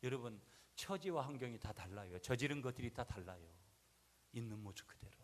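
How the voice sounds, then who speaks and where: A male pastor preaching a sermon, swinging from quiet asides to loud, rising climaxes and having the congregation repeat lines after him. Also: mid-range voice, animated, fairly quick, slight background noise. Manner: swings from soft asides to shouted peaks, has the church repeat after him.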